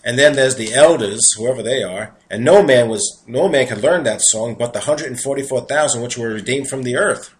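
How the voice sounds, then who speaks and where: A man's voice: mid-range voice, moderate pace, few pauses, poor audio. A man with a New York accent preaching a sermon, reading scripture aloud and breaking off into earnest, conversational asides. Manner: earnest, conversational asides between read verses.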